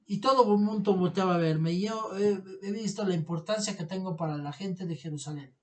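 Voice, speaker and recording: A man's voice: high voice, a little fast, lightly acted. A man voicing a proud young male donkey, in a plain storytelling voice. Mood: boastful. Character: proud little male donkey, boastful then hurt.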